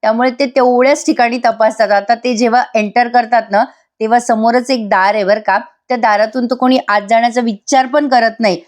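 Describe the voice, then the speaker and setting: A woman's voice: a little high, steady tone, brisk. A woman giving a voice-over review of a TV serial episode, chatty and constantly turning to her viewers. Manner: chatty, keeps addressing viewers.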